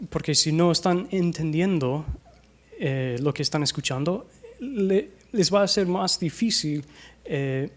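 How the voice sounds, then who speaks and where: A man with an American accent gives a conference talk on language teaching, speaking into a microphone in a fairly high voice. He hesitates often between phrases and slows down to demonstrate pronunciation for the audience. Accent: American English. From United States. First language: English. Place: conference hall.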